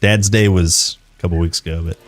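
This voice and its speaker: A man's voice: sits low, steady tone, fairly quick. A man streaming a video game, chatting casually, laughing often and telling jokey family stories. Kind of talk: casual gameplay commentary.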